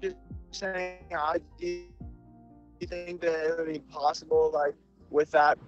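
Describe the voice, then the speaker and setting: A young man with a slightly high voice speaks in a casual, hesitant way. He is twenty and addressing a court remotely. The video call sounds dull and lo-fi and tends to break up. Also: level tone, slow pace, faint music behind. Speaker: defendant in traffic court. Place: at a hospital, outside, on a video call.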